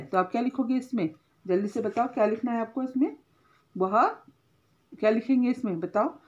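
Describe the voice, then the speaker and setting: A woman's voice: on the high side, lo-fi sound. Woman teacher explaining grammar step by step. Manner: explains step by step, adds "है ना" often, corrects herself with "sorry". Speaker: school teacher. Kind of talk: online grammar lesson.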